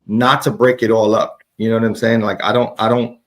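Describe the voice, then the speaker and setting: A man's voice: fairly low pitch, flat delivery, a little fast. A man with a Brooklyn accent, in a casual sports debate.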